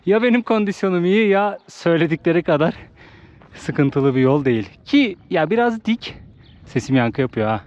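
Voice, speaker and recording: A man's voice: a little high, expressive, moderate pace, darkish tone. A man filming a casual travel vlog outdoors by a rock-cut monument, his voice echoing off the rock walls as he chats to viewers. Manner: chatty, gives practical advice. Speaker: travel vlogger. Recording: slightly dull recording with faint background noise.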